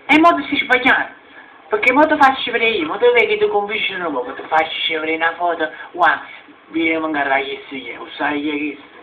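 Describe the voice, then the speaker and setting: A man's voice: a little high, a little fast, lightly acted. A man voicing a pushy, foul-mouthed young man with a Neapolitan accent, firing insistent questions in a comic amateur dub. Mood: confrontational. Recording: muffled, noisy lo-fi home dub, distant.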